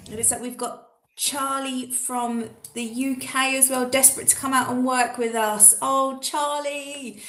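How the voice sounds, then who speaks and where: Upbeat higher-voiced woman in an echoey room. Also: fairly even intonation, a little slow, slight background noise. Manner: upbeat, encouraging, warm to viewers. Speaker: recruitment co-host, former hotel rep. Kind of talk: live Q&A chat.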